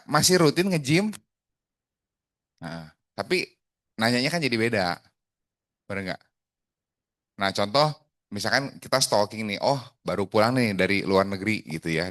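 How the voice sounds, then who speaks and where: A man, an insurance agent, chatting casually about sales tips and acting out bright, friendly phone greetings. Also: lowish voice. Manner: lively, acts out phone calls with bright greetings. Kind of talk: casual podcast chat.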